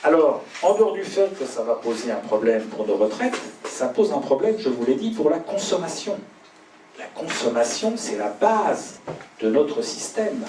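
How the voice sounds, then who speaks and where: A man speaks in a measured, deliberate way, pausing between phrases as he answers audience questions after his talk. He is picked up from a distance in a roomy pub, with a faint hum of the crowd behind him. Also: fairly high pitch, big pitch swings. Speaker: invited speaker giving a talk.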